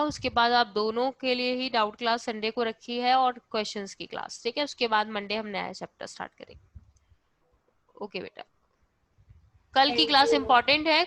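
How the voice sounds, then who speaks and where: Female teacher, fairly high voice, dry close sound, steady question-and-answer lecture style mixing English terms in. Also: no room sound, low-quality recording. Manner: keeps asking and answering her own questions; checks in with "okay" after each point. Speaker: biology teacher. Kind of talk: class lecture.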